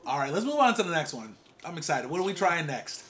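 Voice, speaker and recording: A man's voice: a little high, sing-song, quick pace, a crowd in the background. A man co-hosting an eating show, talking in an easygoing, jokey way and laughing at himself. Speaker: co-host of an eating channel. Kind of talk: casual mukbang chat. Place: home.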